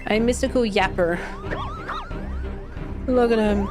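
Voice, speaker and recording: An Australian woman streams a game and chats casually, rambling with some swearing, her throat a little irritated and her voice a bit worn. Her pitch is medium and she takes her time, with music playing behind her.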